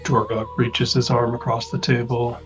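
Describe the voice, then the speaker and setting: A man describing his character's actions calmly in a tabletop game. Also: mid-range voice, moderate pace, far from the mic, over music. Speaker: player.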